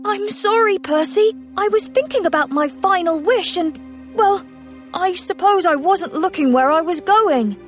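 A woman voicing an excitable young male tank engine who talks in gleeful exclamations. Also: extremely high pitch, measured pace, faint music behind, pitched above the performer's own voice. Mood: apologetic.

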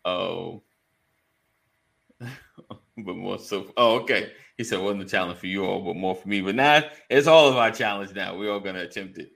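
With a low voice, vocal fry, and a fairly bright tone at normal speed, a man runs a casual live show for an online men's community. He jokes around like a morning radio DJ, using loose, colloquial language and calling out listeners by name as he chats.

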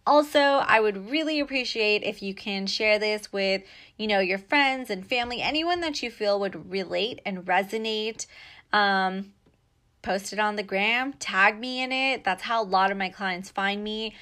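A woman with a bright, forward voice hosts a casual podcast monologue. She talks frankly and loosely, swearing freely and leaning on "like" and "you know" as she goes. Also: mid-range voice, unhurried. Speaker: podcast host.

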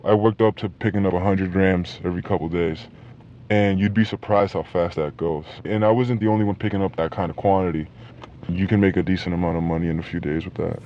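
A former drug dealer, a man whose voice is electronically disguised and shifted low, talks haltingly in a casual interview with many fillers and restarts. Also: steady tone. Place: inside a moving car. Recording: dull lo-fi sound with faint noise.

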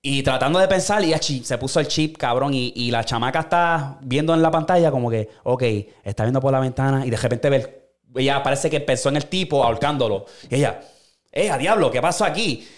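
A man's voice: medium pitch, a little fast. A man, co-hosting a podcast, telling a story in casual chat and acting out the quoted voices. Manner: animated storyteller, acts out quoted voices, swears a lot. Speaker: podcast co-host.

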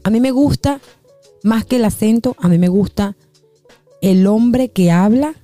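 A woman's voice: a little high, measured pace, warm tone, dry recording, soft background music. A Venezuelan woman co-hosting a podcast, flirty and teasing, laughing a lot. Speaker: podcast co-host. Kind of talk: playful casual banter.

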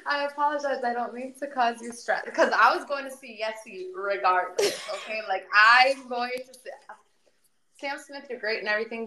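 A woman's voice: medium pitch, pushed and bright. A woman co-hosting a casual podcast chat, bantering and playfully defending herself. Her voice sits mid-range and rings in a roomy, echoey space. A faint hiss runs underneath. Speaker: podcast co-host. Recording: echoey room.

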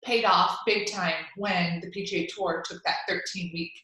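A golf media executive from a Cuban family, whose first language is Spanish, gives interview answers in a bright, forceful voice that sits on the low side. Her intonation is fairly even and her pace moderate, yet she comes across upbeat and chatty, with plenty of fillers and restarts. The room is echoey.

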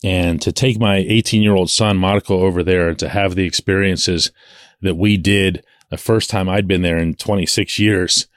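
A man in his forties from Pittsburgh, hosting a solo sports podcast and talking in an animated way, stretching the words he wants to stress. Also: low-pitched, moderate pace, no room sound, studio quality.

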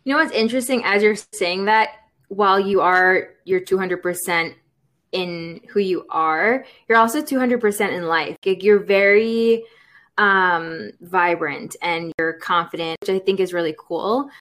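A woman's voice: mid-range voice, unhurried, a bit bright. A woman interviewer in a casual chat, curious and complimentary toward her guest.

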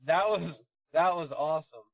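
A man's voice: fairly high pitch, normal speed, gravelly, dry recording. Guy racer on a podcast, rambly, ums everywhere, kinda muffled sound. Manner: rambling, laughs often, lots of fillers. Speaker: race car driver guest. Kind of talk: casual podcast chat.

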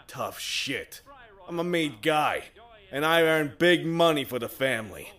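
An actor playing a crude, menacing mobster who mocks and threatens, in an audio drama. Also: male voice, on the high side, expressive, a little slow, a bit bright. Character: crude, menacing male mobster, a made man. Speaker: gangster.

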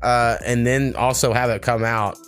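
A man's voice: mid-range voice, steady tone, normal speed, a bit bright, clean tone. A man hosting a music review podcast in casual, profane chat, explaining things in a hesitant, rambling way.

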